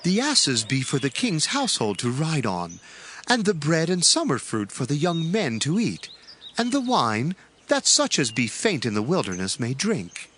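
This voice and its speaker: Man playing an obsequious servant, fairly high voice, swooping intonation, formal, scripture drama, faint noisy ambience. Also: wildly swooping pitch, normal speed, fairly bright tone. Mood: deferential. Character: deferential, ingratiating male servant bringing gifts. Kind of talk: dramatized audio Bible acting.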